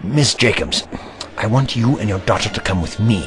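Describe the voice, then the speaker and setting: An actor playing the Doctor, an earnest male time traveller, expressive and indignant. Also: fairly low pitch, normal speed, music in the background, natural voice. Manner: expressive, indignant, gentle with a child. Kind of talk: fan audio drama.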